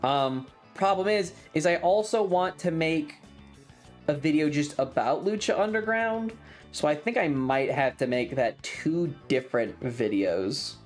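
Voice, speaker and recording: A streamer and content creator chats in a rambling, colloquial, enthusiastic way, like a fan talking with friends. The voice is medium-pitched, animated, and unhurried, with faint music playing behind.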